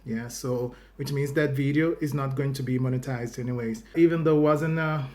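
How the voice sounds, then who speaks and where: Casually chatting to viewers, this YouTube reaction host is a Brazilian native Portuguese speaker using Brazilian-accented English. His medium-pitched voice has a steady, darkish tone at normal speed. He often restarts phrases, with "you know" filling the gaps.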